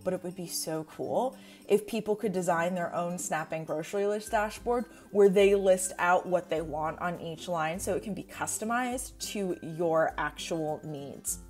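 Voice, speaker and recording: A woman's voice: medium pitch, a little mellow. Chatty young woman reviewing planner supplies. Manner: chatty, rambling with many fillers. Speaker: planner vlogger. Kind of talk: casual screen-share review. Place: indoors at home.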